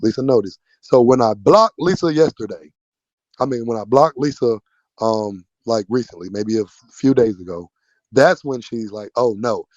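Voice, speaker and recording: A man's voice: medium pitch, darkish tone, no echo. A man hosting a live-stream panel, talking casually and rambling with many restarts. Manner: rambling, restarts often, addresses viewers. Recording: dull lo-fi stream audio.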